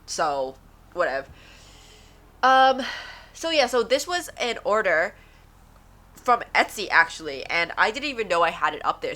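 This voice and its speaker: On a home-recorded podcast she hosts herself, a woman rambles in easygoing chat. Her voice is on the low side, pushed and bright, and congestion makes it stuffy and nasal.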